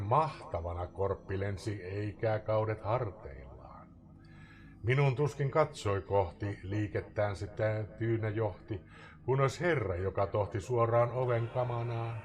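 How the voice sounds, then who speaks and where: Male streamer reciting verse with theatrical swings from loud to whispered; low-set voice. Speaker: live streamer reading a poem. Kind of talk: dramatic poetry recitation.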